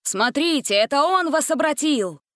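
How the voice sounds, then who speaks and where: A man's voice: high-pitched, slow, pushed and bright, clean tone, dry recording, full character voice. A mysterious hooded wizard, voiced by a woman reading a storybook who calls out spells in a ringing voice. The recording is close and dry. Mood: commanding.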